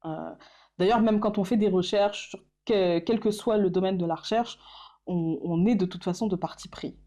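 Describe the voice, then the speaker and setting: Woman, casual vlog chat, mellow tone, middle pitch, hesitant, self-mocking laughs. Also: normal speed. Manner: hesitant, many fillers and restarts; laughs often at herself. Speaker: YouTuber.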